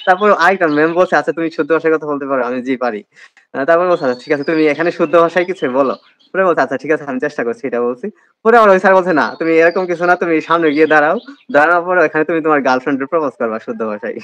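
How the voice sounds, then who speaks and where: A young guest with a Bangladeshi Bengali accent rattles off, rapid-fire, the story of his admission test, his voice on the high side and fairly bright, peppered with hesitant fillers. There is no echo, though the audio is dull.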